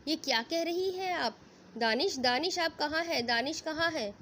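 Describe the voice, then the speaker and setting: A woman's voice: high voice, pushed and bright, slight background noise, pitched above the performer's own voice. A woman voicing a panicked young bride who screams and pleads in terror. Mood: frantic.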